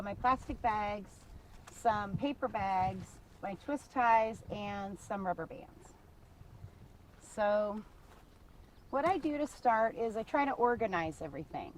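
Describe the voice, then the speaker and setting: A woman's voice: mid-range voice, slight background noise, low-quality recording. A woman on a casual show-and-tell tour of her vegetable garden, chatty and enthusiastic, often laughing. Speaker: small farmer giving a garden tour.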